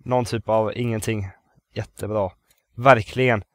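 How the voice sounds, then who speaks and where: A man's voice: lowish voice, steady tone, a bit bright, no echo, studio quality. A man from Sweden commentating a horror game, nervous and jumpy, muttering to himself, repeating phrases and swearing when startled. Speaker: gamer playing a horror game. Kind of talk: let's play commentary.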